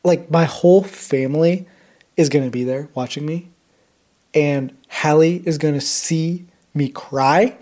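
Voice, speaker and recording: A man's voice: a little high, measured pace, mellow. A young man co-hosting a podcast, telling a story in a rambling casual chat full of fillers and restarts. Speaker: podcast co-host.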